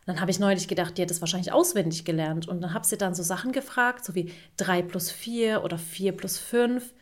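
A woman's voice: fairly low pitch, a little fast. A woman in her thirties co-hosting a casual podcast, telling stories in a chatty way and laughing often. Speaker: podcast co-host.

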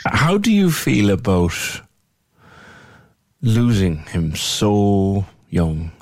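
Low-voiced male interviewer, dry sound. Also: sing-song, very slow, darkish tone, dry recording. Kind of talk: conversational interview questions.

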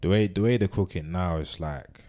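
A man's voice: sits low, normal speed, warm tone. A young man with a London accent chatting and telling anecdotes casually, in slang, repeating himself for emphasis.

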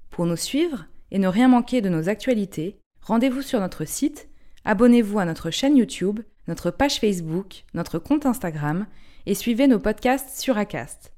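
A woman reading the scripted introduction of her podcast in an even, announcing way. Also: medium pitch, moderate pace. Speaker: podcast host.

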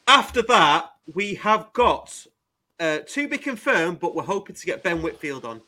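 A man's voice: sits high, big pitch swings, measured pace, sharp tone, a little hiss or hum. A man hosting a podcast in casual, chatty style. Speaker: podcast host. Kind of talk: casual chat, running through show plans.

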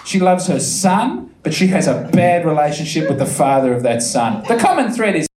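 A man doing a lively stand-up set, telling a story with animated, sometimes loud delivery. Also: fairly high pitch, moderate pace, slight background noise. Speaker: stand-up comedian. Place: comedy venue with live audience. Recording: echoey live room with audience.

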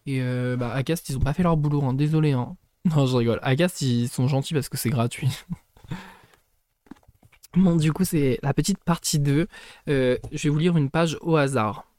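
A man's voice: mid-range voice, moderate pace, darkish tone, dry recording. A young man hosting a casual book podcast, chatting and reading passages aloud, self-deprecating and often tripping over words and correcting himself.

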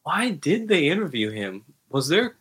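A man's voice: on the high side, very animated, measured pace, a bit bright, slightly rough. A man co-hosting a podcast, chatting casually about a film and often chuckling along. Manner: casual, chuckling, short agreeing replies. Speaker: podcast co-host. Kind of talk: casual film review chat.

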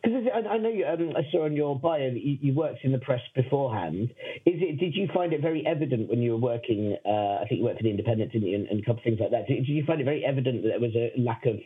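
A man's voice: mid-range voice, rapid-fire, slightly rough. A man interviewing as a podcast host, stumbling a little over his questions, muffled because his headphones were used as the microphone. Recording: muffled, recorded through headphones used as mic.

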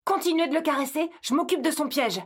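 A woman's voice: high voice, fairly quick, voice pushed up, close to an everyday voice. Lana, a woman as an eager young girl. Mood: urgent. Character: brave curious young girl.

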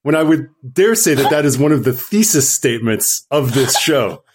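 Man, mid-pitched voice, wry, dry wit, player, casual podcast banter. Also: lively intonation, normal speed, slightly rough. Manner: wry, dryly witty asides.

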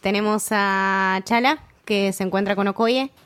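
A woman's voice: mid-range voice, steady tone, a little slow, a bit bright, smooth. A woman with an Argentine Spanish accent, co-hosting a casual podcast chat and retelling scenes with feeling. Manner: emotional retelling, acts out quoted lines. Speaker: podcast co-host.

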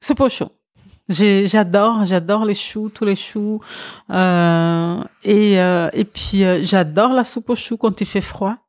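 A woman's voice: mid-range voice, slow. A woman from Brazil chatting as a podcast guest, enthusiastic and laughing often, with many fillers. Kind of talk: casual interview chat.

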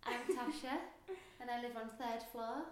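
A woman's voice: on the high side, fairly even intonation, normal speed. A woman from Hull with a Hull accent, chatting casually as a podcast guest. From Hull, England. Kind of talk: casual chat. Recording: roomy echo, clearly noisy background.

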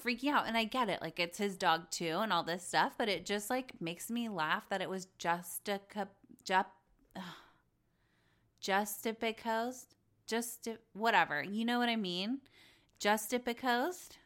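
A young adult woman hosting a casual chat show, gossipy and opinionated, slipping into quick mocking impressions. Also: medium pitch, a bit bright. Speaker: podcast host recapping reality TV.

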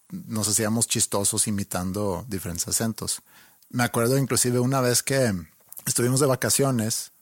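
A man's voice: on the low side, dry recording, studio quality. A Mexican man chatting casually with a friend, telling easygoing stories about himself. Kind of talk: casual chat between friends.

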